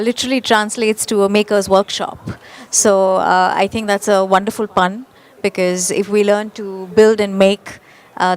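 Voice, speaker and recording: Woman moderating a conference panel. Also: mid-range voice. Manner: measured, with frequent uhs.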